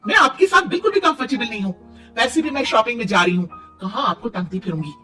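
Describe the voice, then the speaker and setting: A rude, spoiled young bride. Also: female voice, high voice, big pitch swings, fairly quick, bright, forceful tone, exaggerated voice. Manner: rude, curt. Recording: distant mic, faint music.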